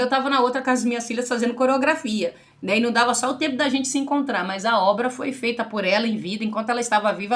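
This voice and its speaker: Speaking earnestly to the camera, a forty-something Brazilian woman who is a pastor shares her religious testimony and addresses viewers as brothers and sisters. She has a Brazilian Portuguese accent and a fairly bright voice on the high side.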